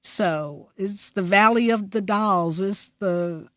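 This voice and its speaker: A woman hosting a public radio interview in a conversational way, with deliberate phrasing and words repeated for emphasis as she muses aloud. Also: mid-range voice, fairly bright tone, no room sound.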